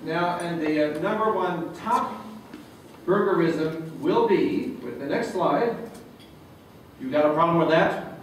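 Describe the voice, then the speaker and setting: A man's voice: fairly high pitch, slow. A man giving a joking speech at a reception, chuckling at his own lines. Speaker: speaker at a reception. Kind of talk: humorous speech to a room. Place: reception room. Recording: roomy, distant, noisy room recording.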